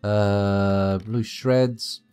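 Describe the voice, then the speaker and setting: A man's voice: lowish voice, fairly even intonation, drawn-out words, a little mellow, smooth, faint music behind. A man streaming a strategy game, chatting wryly over livestream microphone audio at home and reading game reports aloud. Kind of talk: casual livestream commentary.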